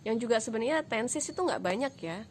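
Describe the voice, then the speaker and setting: A woman's voice: a little high, expressive, a little fast, a little hiss or hum. Chatty woman giving a casual lesson. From Indonesia. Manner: chatty, joking, mixes English words in. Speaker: English tutor.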